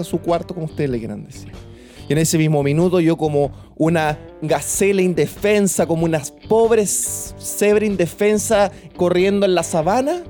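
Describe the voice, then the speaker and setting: A young Chilean man spins a personal tale for his podcast, his voice pitched a bit high yet mellow and warm. He rambles in crude street slang, stumbling over restarts and repeating himself. A faint guitar plays softly behind him. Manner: repeats words and restarts often. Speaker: podcast host. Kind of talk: personal storytelling.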